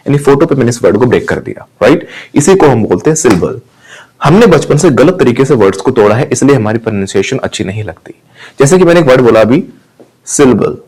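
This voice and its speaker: A man with an Indian English accent teaching English pronunciation, mixing Hindi and English and repeating words slowly to drill them. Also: medium pitch, darkish tone.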